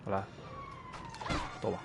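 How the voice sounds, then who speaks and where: A man with an accent from Spain giving casual, playful, slangy commentary as he plays a game. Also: takes it slowly. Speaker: gamer. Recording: loud game music and effects behind.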